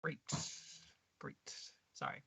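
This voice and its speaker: A man's voice: slow pace, bright, forceful tone, dry recording. A man co-hosting a casual chat, his voice coming through tinny and metallic from a bad mic wire or connection. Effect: tinny, metallic sound from a faulty mic wire or connection. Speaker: podcast co-host. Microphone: headset or desk mic on a video call. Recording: tinny, lo-fi video-call audio.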